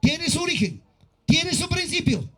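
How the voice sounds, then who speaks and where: Male pastor with an Andean Peruvian accent; high, piercing voice; impassioned sermon that swings from shouts to low tones. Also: big pitch swings, a little slow. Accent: Peruvian Andean Spanish mixed with Quechua.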